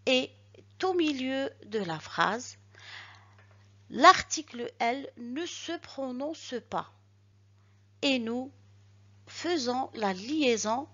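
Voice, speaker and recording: A woman teacher speaks at a very slow, deliberate pace, repeating each example word carefully. Her voice is slightly husky and her pitch moves in a lively way. The recording sounds dull and lo-fi. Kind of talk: recorded reading lesson.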